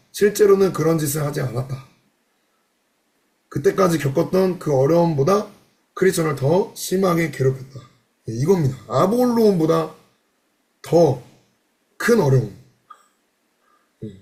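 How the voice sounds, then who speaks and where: In a church, a male pastor with a fairly high, darkish voice preaches a sermon on a devotional classic. He reads passages aloud and explains them using rhetorical questions.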